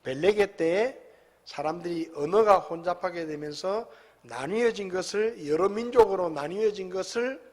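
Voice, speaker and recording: A man preaching a sermon as pastor in a church sanctuary, talking conversationally, with big swings between loud and soft. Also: high-pitched, moderate pace. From South Korea. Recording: long hall reverb.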